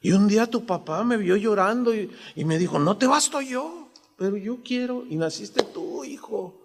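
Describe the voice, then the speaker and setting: Tender confiding old mother, a man doing her, high voice, long hall reverb. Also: lively intonation, normal speed, creaky, heavily acted. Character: biblical mother Sarah, gentle older woman.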